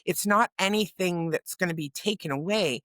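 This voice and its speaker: A woman with a low voice speaks earnestly and reflectively with her podcast co-host. Her tone is calm and reassuring, and the sound is close and dry. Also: moderate pace, no echo. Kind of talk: reflective conversation.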